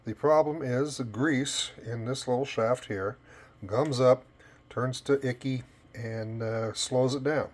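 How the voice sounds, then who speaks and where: A plain-spoken technician gives an informal hands-on repair demo at an indoor workbench, filmed on a cell phone camera while a tape machine plays music. He has a medium-pitched voice and takes things slowly.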